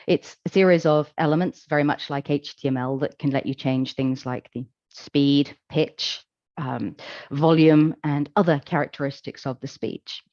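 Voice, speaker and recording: Low-voiced woman giving a measured talk. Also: steady tone, no echo, muffled recording. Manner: measured, explanatory, gentle fillers. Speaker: conference speaker. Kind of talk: presentation talk.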